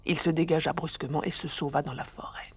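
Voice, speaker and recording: A narrator reading a story aloud for radio in a measured, expressive way. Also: mid-range voice, slight background noise.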